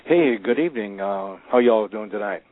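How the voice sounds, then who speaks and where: A man's voice: lowish voice, animated, dry recording. Man calling in on a tinny phone line. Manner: hesitant, halting with fillers. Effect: heard through a phone line. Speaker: radio show caller.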